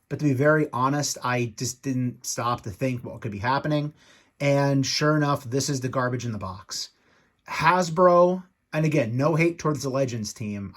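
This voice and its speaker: A man in an annoyed, rambling rant to camera, speaking off the cuff, halting and repeating himself as he vents. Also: mid-range voice, fairly bright tone. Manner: annoyed, ticked-off venting. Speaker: YouTube toy collector and podcast co-host.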